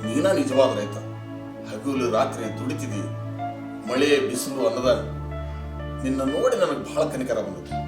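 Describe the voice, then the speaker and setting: An actor playing a sly, preachy middle-aged village fixer who lectures in a North Karnataka Kannada accent. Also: male voice, mid-range voice, lightly acted. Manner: lecturing, patronizing, coaxing. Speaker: influential villager with bank contacts. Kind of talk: village short film acting. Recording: roomy distant mic with music.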